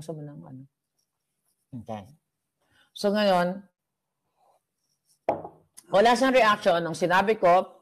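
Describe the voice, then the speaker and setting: A woman vlogger telling a gossipy story to her viewers in a chatty way, mixing in English. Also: lowish voice. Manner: chatty, mixes English into Tagalog, frequent fillers. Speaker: political vlogger.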